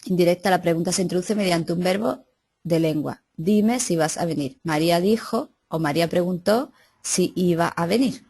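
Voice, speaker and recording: Low-voiced woman teaching a class. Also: normal speed, warm tone, husky. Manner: explains step by step, with restarts and "o sea" asides. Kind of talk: classroom grammar lesson. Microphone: recorded class.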